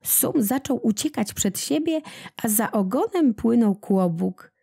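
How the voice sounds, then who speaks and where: A woman reading a children's legend aloud, taking each phrase slowly and deliberately. Her voice is mellow and soft-edged. The recording is dry and close, with no room echo. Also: on the high side, expressive, vocal fry, husky. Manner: slow, deliberate storytelling. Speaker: narrator, audiobook reader.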